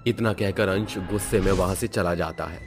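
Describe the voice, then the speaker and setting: A man narrating a moral fairy tale in a steady, expressive storytelling manner. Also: low-pitched, normal speed, over music.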